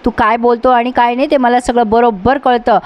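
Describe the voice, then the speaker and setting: A woman's voice: a little high, steady tone, normal speed, dull audio, lightly acted. A woman voicing a stern, protective middle-aged father who speaks firmly and soothes.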